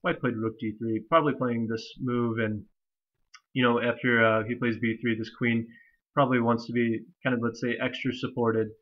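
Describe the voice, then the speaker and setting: A man's voice: medium pitch, level tone, moderate pace. A young man with a nasal, stuffy voice from allergies, casually walking through a chess game with many fillers and restarts. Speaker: chess commentator. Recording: slightly dull lo-fi recording.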